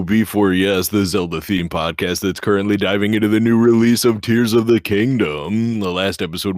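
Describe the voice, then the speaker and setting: A man, a podcast host, putting on a slow, emphatic radio-announcer delivery to open the show. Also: sits low, dry recording, studio quality. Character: male radio announcer giving a show intro. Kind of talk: podcast intro.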